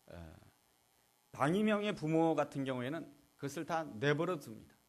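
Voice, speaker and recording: A male pastor delivers a sermon in a church with a lively, rising and falling delivery. His voice sits a little higher than most men's. He teaches step by step, often pausing to ask the congregation questions.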